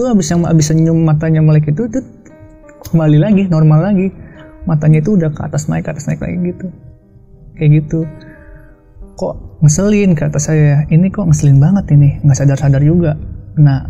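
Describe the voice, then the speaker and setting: A man telling a story of his own in a casual, hushed, halting way, often quoting himself and others. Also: on the high side, breathy edge. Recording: dull lo-fi sound with faint music.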